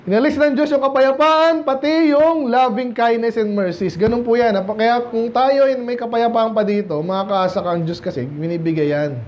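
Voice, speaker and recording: A male Filipino pastor with a fairly high, darkish voice gives a verse-by-verse Bible study in a church sanctuary. He reads King James verses slowly in English, then explains them in Taglish, on a muffled recording with faint hiss.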